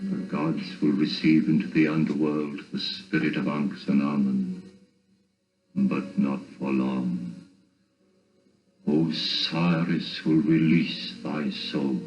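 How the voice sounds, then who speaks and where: A very deep ancient mummy. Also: male voice, little pitch movement, a little mellow. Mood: solemn. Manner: slow, incantatory, formal delivery. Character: solemn ancient undead Egyptian mummy, menacing and commanding. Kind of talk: 1930s horror film acting. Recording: dull, echoey 1930s film soundtrack, faint music.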